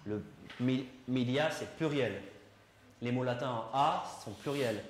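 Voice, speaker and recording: A man's voice: mid-range voice, measured pace. A male English teacher talks his class through a lesson, explaining at length and tossing questions out to the students. The recording carries a roomy classroom echo with a faint hum of background noise.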